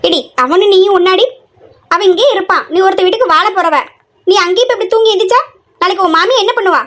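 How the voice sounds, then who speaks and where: Woman as a nagging middle-aged mother, high-pitched, constant scolding; comedy skit. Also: fast talker, a bit bright. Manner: scolding, complaining nonstop.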